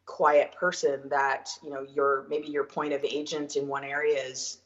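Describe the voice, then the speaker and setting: Canadian woman guest, very low voice, chatty with easy laughs, muffled lo-fi audio. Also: level tone, a little slow. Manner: chatty, laughs easily, many fillers. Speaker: guest realtor. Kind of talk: casual interview.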